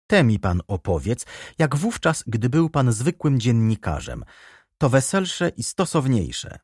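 A man reading the part of an ironic, haughty baroness in an audiobook, raised in pitch and teasing. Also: wildly swooping pitch, a little slow, darkish tone, breathy edge, dry recording, studio quality, exaggerated voice. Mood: impatient. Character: ironic aristocratic baroness, adult woman, haughty.

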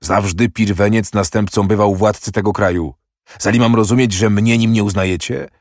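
A man's voice: on the low side, animated, normal speed, darkish tone, dry recording, studio quality, natural voice. A man reading the part of a proud, impatient young prince who speaks curtly and mockingly. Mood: brusque. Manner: curt, brusque and mocking.

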